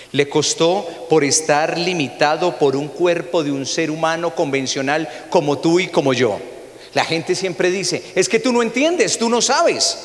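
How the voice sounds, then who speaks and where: A man with a Colombian Spanish accent preaching a sermon as pastor, dropping to soft low asides and rising to raised, exclaiming peaks. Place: church sanctuary. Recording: long hall reverb of a church.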